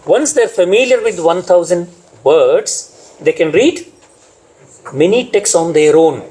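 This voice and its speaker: Give me a high-pitched man with an Indian English accent running a teacher-training lecture, repeating key words. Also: animated, takes it slowly, darkish tone, slightly rough, rough recording.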